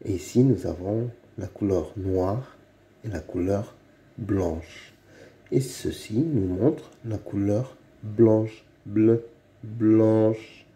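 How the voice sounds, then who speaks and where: A man giving a slow phonics reading lesson for young children, saying each word several times over. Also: fairly low pitch, warm tone. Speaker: reading teacher.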